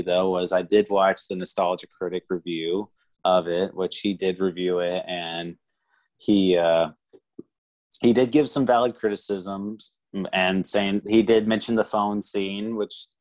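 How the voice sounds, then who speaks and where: A man's voice: low-pitched, fairly even intonation, unhurried. A man co-hosting a casual movie review podcast, rambling with many restarts and fillers. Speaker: podcast co-host.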